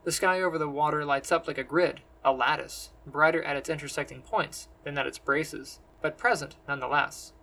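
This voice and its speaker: A man narrating a science-fantasy story in measured, descriptive storytelling. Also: fairly high pitch, fairly even intonation, gravelly, sharp tone, poor audio. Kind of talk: scripted fantasy audiobook narration.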